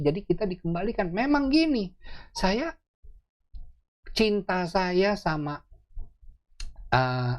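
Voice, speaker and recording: A man giving a casual sermon-style teaching, animated and quick to laugh, with chatty asides to his listeners. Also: fairly high pitch. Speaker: preacher.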